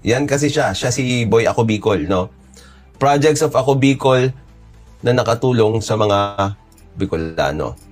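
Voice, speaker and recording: A man giving casual political commentary in an exasperated, mocking way, jumping sharply up and down in pitch. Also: expressive, measured pace, faint music behind.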